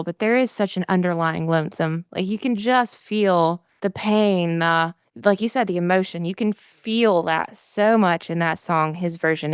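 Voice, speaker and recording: A woman's voice: lowish voice, clear, resonant tone, dry recording, clean studio sound. A woman from Southern Indiana hosting a casual interview, chatting in an effusive, agreeable way. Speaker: interviewer, host.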